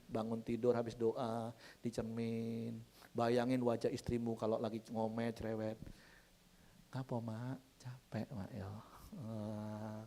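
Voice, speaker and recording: A man preaching a lively, humorous sermon, often addressing the congregation and acting out quoted couples. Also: medium pitch. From Sumatra. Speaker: pastor.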